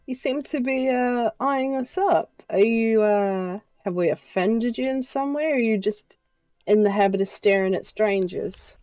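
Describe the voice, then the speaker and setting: A woman voicing a wary adventurer who speaks in a measured, pointedly polite way. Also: fairly high pitch, warm tone, no room sound, lo-fi sound, lightly acted.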